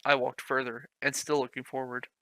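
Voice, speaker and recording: Here the stiff writing of some fan fiction gets a mock-dramatic reading from a man who keeps cracking up and commenting along the way. He speaks at a moderate pace in a sharp, medium-pitched voice with little variation in pitch, and there's no echo.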